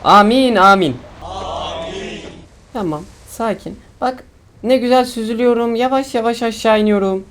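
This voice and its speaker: A young man from Turkey giving excitable, joking commentary while he streams a game, complaining loudly and then muttering low. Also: normal speed, pauses often. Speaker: gaming streamer. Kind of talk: casual gameplay commentary. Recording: faint game noise and gunfire behind.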